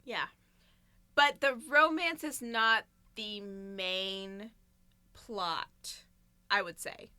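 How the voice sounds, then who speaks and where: A woman's voice: medium pitch, very slow, bright, forceful tone, smooth, no room sound. A woman co-hosting a casual book-chat podcast, talking in a chatty way and laughing often between her thoughts. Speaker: podcast co-host.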